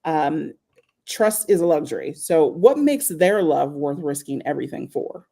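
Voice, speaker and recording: A woman host with a low, gravelly voice reads out interview questions. Her tone is mellow and relaxed, with some hesitation between phrases. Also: unhurried. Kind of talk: casual chat.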